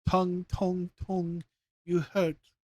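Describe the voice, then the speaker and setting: A man voicing a tiny, childlike piece of talking wood with a squeaky, high voice. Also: little pitch movement, very slow, a little mellow, no echo, exaggerated voice. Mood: pained.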